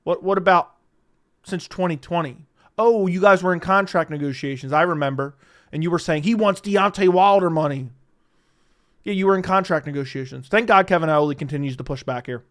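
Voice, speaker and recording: High-voiced, exasperated male reaction commentator. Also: fairly quick, a bit bright. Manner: exasperated, mocking, argumentative. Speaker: video commentator. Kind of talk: reaction commentary on combat sports.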